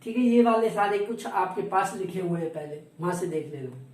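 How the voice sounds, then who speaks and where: A man's voice: high-pitched, lively intonation, darkish tone. Male teacher spelling words, echoey room. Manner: repeats words slowly, spells them letter by letter. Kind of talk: classroom lesson. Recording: roomy echo, distant from the mic, faint noise.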